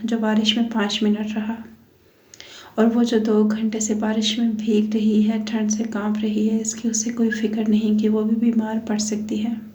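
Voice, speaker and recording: A woman reads a romance novel aloud in a steady, storytelling manner. Her voice is somewhat high and mellow, with very little pitch movement. The room sounds echoey. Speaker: narrator.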